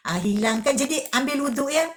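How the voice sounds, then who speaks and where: A woman's voice: high voice, expressive, a little fast. A woman gives a religious lesson to children. She asks questions, answers them herself and repeats key phrases. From Malaysia. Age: 50s. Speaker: religious teacher.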